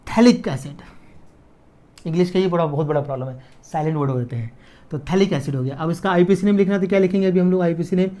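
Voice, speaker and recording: A man's voice: a little high, dark tone. Chemistry teacher, man. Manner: repeats key terms slowly, asks students "clear?". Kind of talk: casual classroom lecture.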